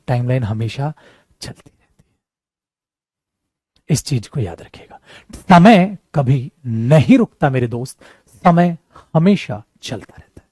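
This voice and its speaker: A man with an Indian accent teaching a grammar lesson to students in a lively way, teasing and scolding them, sometimes slowing into careful English. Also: on the high side, dry recording. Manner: switches into slow English.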